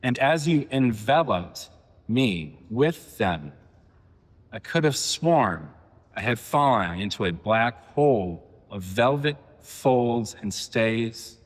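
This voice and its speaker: A man in his forties giving a poetry reading, with halting, filler-heavy asides between poems. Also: on the low side, lively intonation, in a large hall. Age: 40s. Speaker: poet. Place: reading venue.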